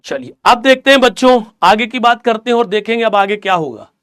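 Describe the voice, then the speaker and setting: A young man teaching an English chapter to students, reading lines slowly and explaining them, repeating key words as drills. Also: high voice, lively intonation, a bit bright, smooth. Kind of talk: explaining a textbook chapter in class.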